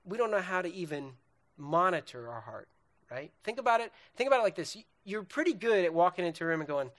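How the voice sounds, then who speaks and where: A man's voice: high-pitched, very animated, fast talker, a bit bright. A young man giving an earnest, conversational sermon on relationships, speaking straight to his listeners and often checking in with "right?". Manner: lists questions and feelings one by one.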